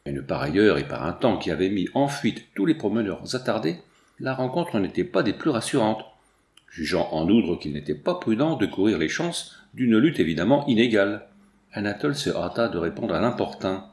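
A man reading a storybook aloud with measured, even storytelling. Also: fairly low pitch. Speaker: audiobook narrator. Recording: echoey room.

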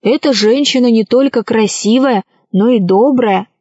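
A woman's voice: a little high, moderate pace, a little mellow, no room sound, natural voice. A woman reading a children's story aloud and voicing a brave, modest boy who speaks earnestly. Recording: dry, slightly dull recording.

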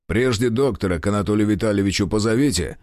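A stern, commanding police chief, played by a man reading a story. His low voice moves slowly and weightily, every order firm. Recorded close in a dry booth. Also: a little mellow, no room sound, close to an everyday voice.

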